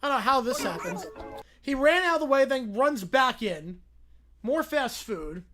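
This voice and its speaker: Excitable woman streamer, high voice all over the place, poking fun at what she watches. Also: normal speed, soft background music. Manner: excitable, mocking, repeats phrases gleefully. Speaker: livestream host reacting to videos. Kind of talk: casual reaction commentary.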